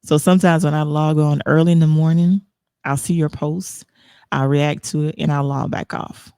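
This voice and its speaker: A woman's voice: sits low, steady tone, normal speed, warm tone, clean tone, no room sound, studio quality. A woman hosting an online talk show, speaking earnestly and emotionally, rambling with frequent restarts. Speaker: host.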